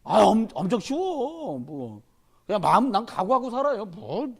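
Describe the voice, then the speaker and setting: A man delivers a sermon at a midweek church service with a high voice that swoops across a wide range. He presses the congregation with loud urging lines, then drops into low, quiet asides and plays out the voices of church members. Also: sing-song, normal speed, creaky, slightly rough. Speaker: pastor. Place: church during a Wednesday service.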